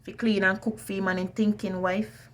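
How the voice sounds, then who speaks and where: A woman's voice: medium pitch, level tone, normal speed. Furious Jamaican woman chef ranting. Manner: furious, indignant, emphatic, repeating phrases; swearing, patois-heavy. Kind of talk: impassioned personal rant.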